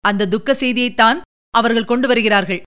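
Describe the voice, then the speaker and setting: A woman's voice: a little high, brisk, fairly bright tone, smooth, close to an everyday voice. A woman voicing a bold young male warrior in an audiobook story, close to her own reading voice.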